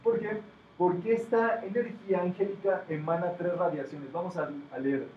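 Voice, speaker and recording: A man's voice: high-pitched, steady tone, normal speed. Man teaching a metaphysics class. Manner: explanatory, asks the class questions. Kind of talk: classroom talk to students. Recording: echoey room, distant, dull, faint noise.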